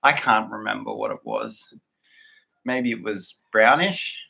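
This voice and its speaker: Australian male livestream host, bright tone, easygoing and rambling, chats with viewers and reads their comments. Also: on the low side, wildly swooping pitch, measured pace, creaky. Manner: loose and rambling, with many fillers and restarts. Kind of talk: live-stream chat reading viewer comments.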